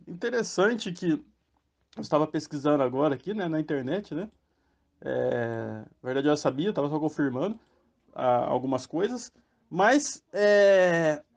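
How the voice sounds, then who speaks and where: Rambling along with plenty of fillers and tag questions, this podcast host is a Brazilian man speaking with a Brazilian Portuguese accent. His voice is high-pitched yet darkish in tone, heard through muffled, lo-fi audio.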